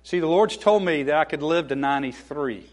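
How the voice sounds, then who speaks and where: A man in his fifties delivers a sermon with a slightly high voice. He is earnest and folksy, slipping in joking asides between prayers. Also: fairly quick. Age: 50s. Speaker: preacher.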